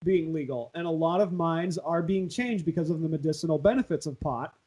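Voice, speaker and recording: A man's voice: a little high, fairly quick, warm tone. A man with a Southern California accent chatting casually and slangily on a podcast, in a laid-back way. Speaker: podcast host, aspiring voice actor.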